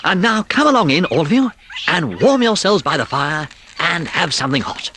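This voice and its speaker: A storyteller voicing a brisk, kindly male water rat who talks in a hearty, commanding way. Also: medium pitch, wildly swooping pitch, a bit bright, voice pushed up. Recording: noisy background hiss.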